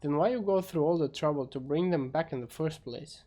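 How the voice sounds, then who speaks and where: A man's voice: on the high side, brisk, warm tone, lightly acted. Man acting out an indignant, hot-tempered demon warlord. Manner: formal, protesting. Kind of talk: amateur fantasy game machinima acting.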